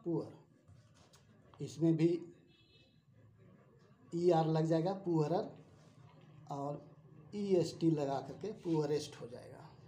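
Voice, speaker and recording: A man's voice: on the high side, takes it slowly, pauses often, mellow. A male English teacher giving a grammar lesson, spelling words out letter by letter and repeating each form.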